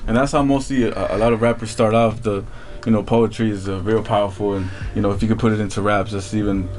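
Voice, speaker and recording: A man's voice: fairly low pitch, steady tone, fast talker, a little mellow, soft background music. A man hosting a hip hop radio show, upbeat and casual, calling guests "man". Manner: upbeat, says "man" a lot. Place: radio studio.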